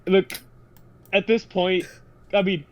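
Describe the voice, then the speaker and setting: A young man in casual podcast chat, emphatic and exasperated. His voice sits a little high. The recording sounds dull and lo-fi. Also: steady tone, slow pace, background noise. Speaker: podcast co-host.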